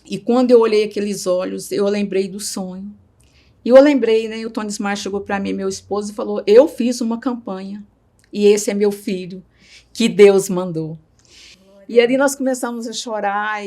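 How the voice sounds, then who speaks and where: A woman's voice: medium pitch, darkish tone. A middle-aged woman with a Brazilian Portuguese accent, telling a personal story as an interviewee with much feeling and often tagging her sentences with a questioning "right?". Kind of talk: personal testimony.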